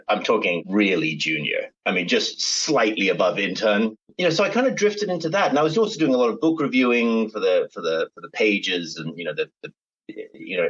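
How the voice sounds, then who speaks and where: A middle-aged American man with a lowish, slightly rough voice and an accent blending American, British and Australian sounds rambles through a podcast interview as a guest author. He meanders, restarting often and leaning on fillers, and the recording has its highs cut off.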